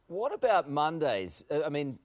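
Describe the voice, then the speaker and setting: Higher-pitched male TV interviewer. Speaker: TV presenter interviewing. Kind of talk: light-hearted TV interview.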